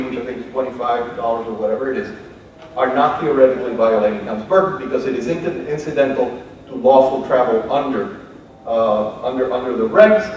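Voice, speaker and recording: A man's voice: mid-range voice, a little mellow, slight background noise. An older man, a lawyer giving a conference panel talk with wry, anecdotal humor. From Cuba. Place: conference hall. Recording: echoey hall, distant dull mic.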